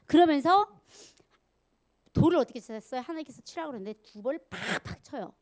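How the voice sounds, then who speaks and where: A woman evangelist preaching a sermon, animated, acting out angry voices and dropping to whispers. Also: high voice, a little fast. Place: church sanctuary.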